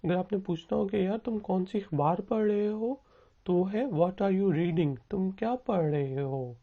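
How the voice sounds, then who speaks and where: A man teaching a spoken English lesson, saying each phrase slowly and clearly so learners can repeat after him. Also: high voice, narrow, tinny audio.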